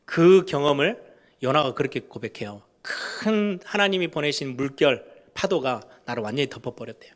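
A middle-aged man preaching a sermon as pastor, animated, often voicing questions in a raised voice. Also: mid-range voice, moderate pace.

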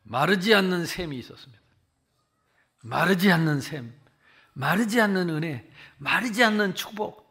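Gravelly-voiced older male pastor preaching. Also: high-pitched, moderate pace. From Jeolla region, South Korea. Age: 60s. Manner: animated storytelling, acts out quoted dialogue, swings from loud to hushed. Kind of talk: sermon.

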